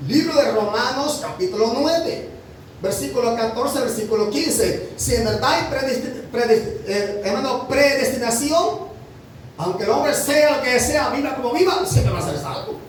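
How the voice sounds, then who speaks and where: High-voiced preacher in an echoey hall. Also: male voice, normal speed, distant mic, a little hiss or hum. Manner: emphatic, rhetorical questions, addresses listeners as brother. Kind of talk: sermon.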